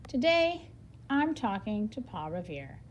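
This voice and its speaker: A woman with a medium-pitched voice and big swings in pitch reads a nonfiction book aloud as a lesson for children. She's expressive, pausing to explain things simply and to think out loud.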